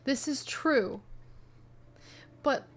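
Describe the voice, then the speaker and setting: A woman's voice: sits high, lively intonation, drawn-out words, slight background noise. A young woman streaming a game live, reacting with bewildered questions and talking to her chat. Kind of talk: live gameplay commentary.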